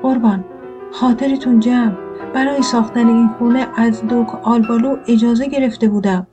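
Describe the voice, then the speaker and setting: A meek old pumpkin man answers softly and politely, as a woman reader puts him on. His voice stays gentle and quiet. Soft piano plays behind. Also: a little high, fairly even intonation, highs cut off, voice pushed up, close to an everyday voice. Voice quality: soft, mild.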